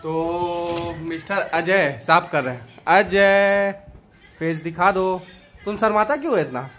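A man's voice: high voice, slow pace, a bit bright, a little hiss or hum. A man chatting on a family vlog, playfully coaxing his little daughter. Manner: playful, coaxing a small child. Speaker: vlogger, father. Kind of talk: casual family vlog chat.

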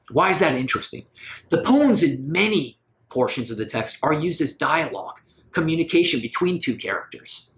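A man's voice: fairly high pitch, fairly bright tone. A man giving a recorded literature lecture, asking rhetorical questions and rising on emphatic words.

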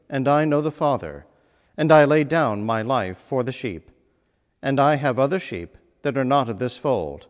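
A man, a priest preaching a measured sermon in a small stone-walled chapel. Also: medium pitch. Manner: measured, lively preaching with emphatic phrasing. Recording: long reverb of a church hall.

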